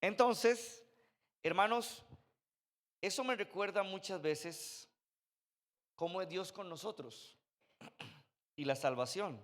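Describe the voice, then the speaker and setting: Man, 30s, high-pitched, conversational storytelling preacher. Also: takes it slowly, long pauses. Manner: conversational storytelling with sound effects. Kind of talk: sermon. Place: church. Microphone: handheld microphone.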